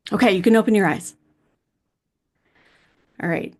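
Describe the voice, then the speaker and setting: A woman's voice: medium pitch, moderate pace. A woman in her thirties facilitating a conference workshop, guiding a reflection and then chatting in a friendly, conversational way. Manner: friendly, conversational, uses fillers like "like". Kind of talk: guided reflection and conference talk.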